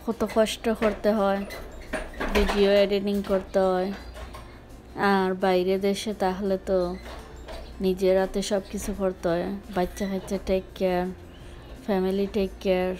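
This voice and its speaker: A woman's voice: medium pitch, flat delivery, a little slow, long pauses, darkish tone. Sylheti-accented woman vlogger, frank tone. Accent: Sylheti Bengali. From Sylhet, Bangladesh. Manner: frank, mixing English words into speech. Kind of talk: casual talk to camera.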